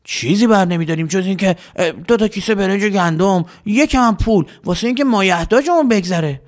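A man's voice: high-pitched, voice pushed up, close to an everyday voice. Storybook young villager, naive and earnest, stammering, played by a man. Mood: defensive. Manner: stammering, hesitant.

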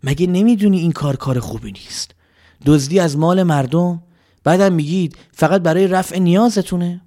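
Storybook older woman, gentle and soft-spoken, voiced by a man. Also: close to an everyday voice. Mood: admonishing. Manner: soft, quiet, lower voice.

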